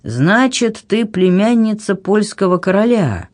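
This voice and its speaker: A reader voicing a gruff slow Viking chieftain. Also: medium pitch, very animated, pitched above the performer's own voice. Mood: questioning. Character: stern slow-witted Viking jarl, man.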